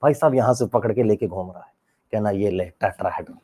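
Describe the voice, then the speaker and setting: A man teaching chemistry in a lively lecture, jumping between loud bursts and quiet asides while acting out his students. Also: fairly low pitch, fairly quick, breathy edge. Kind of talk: animated classroom lecture.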